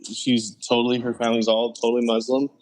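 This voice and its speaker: A man from Utah, co-host of a podcast, telling a relaxed story with soft fillers. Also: medium pitch, fast, poor audio. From Utah, United States. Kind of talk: casual podcast chat.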